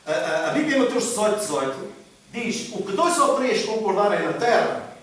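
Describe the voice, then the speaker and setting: A man's voice: high voice, very animated, moderate pace, a bit bright. A male pastor preaching a sermon to a congregation. He repeats key phrases and puts questions to his listeners. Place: church hall. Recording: echoey church hall from far off.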